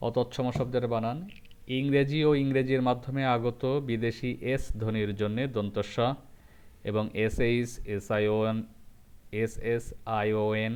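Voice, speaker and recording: A man teaching a grammar lesson, going through rules step by step and repeating each example slowly. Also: medium pitch, darkish tone, clean tone. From Bangladesh.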